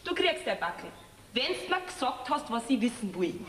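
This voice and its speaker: A young actress with a Bavarian accent playing a sharp, reproachful farmer's daughter in a folk theater comedy. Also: female voice, on the high side, sing-song, moderate pace. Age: young adult. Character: fiery young farm girl, quarreling with her fiancé. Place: theater stage. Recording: echoey theater hall with faint noise.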